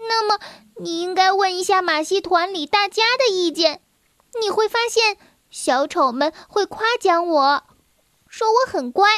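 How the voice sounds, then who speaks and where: A woman voicing a mischievous little circus girl, with a high, childlike pleading voice. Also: unhurried, a bit bright, dry recording, clean studio sound. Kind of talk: children's story reading.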